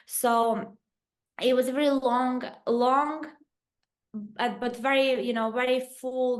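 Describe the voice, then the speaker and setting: A woman's voice: a little high, fairly bright tone. A woman in her thirties from Portugal, a podcast guest telling her story in a reflective way, with fillers and restarts. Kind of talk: casual interview storytelling.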